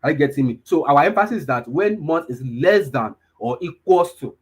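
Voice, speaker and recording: With a fairly high pitch, lively intonation and a breathy edge, a data analysis instructor in his 20s speaks at a moderate pace during a live online class. Repetition is a habit of his, as is checking often that listeners are following.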